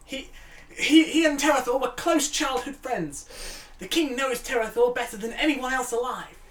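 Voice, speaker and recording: A woman's voice: high voice, moderate pace, echoey room, recorded from a distance, close to an everyday voice. A woman voicing an earnest male priest, declaiming solemnly. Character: earnest male priest who hears from God.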